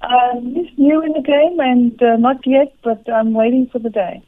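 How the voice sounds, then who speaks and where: A middle-aged woman answers interview questions in a calm, matter-of-fact way. Her voice sits a little high. The sound is dry and narrow, like a phone line. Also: normal speed, no echo. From South Africa. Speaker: guest, home health care business owner.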